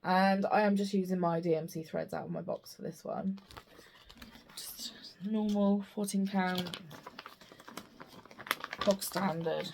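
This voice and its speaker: A British woman vlogs casually about her crafts in a slightly low voice. She rambles and interrupts herself as she goes, and a missing front tooth slightly blurs her speech. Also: fairly even intonation, moderate pace, vocal fry, hardly any pauses, a little mellow, a little hiss or hum. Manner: chatty, rambling, self-interrupting. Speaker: stitching vlogger. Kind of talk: casual chat to camera about craft projects.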